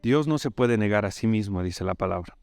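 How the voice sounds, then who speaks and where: A Bolivian-accented male preacher tells a story to his congregation, tossing in quick tag questions. His voice is crisp and clear, recorded close and dry. Soft music plays faintly underneath. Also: fairly low pitch, animated, no room sound. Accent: Bolivian Spanish. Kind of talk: sermon.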